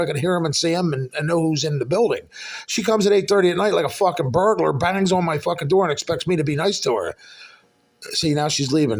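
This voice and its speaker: Guy venting to his camera at home, swears a lot, rambles, kinda high voice. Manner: profane, rambling, heated storytelling. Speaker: vlogger recounting a dispute with a neighbor. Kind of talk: casual angry rant to camera. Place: his apartment, indoors.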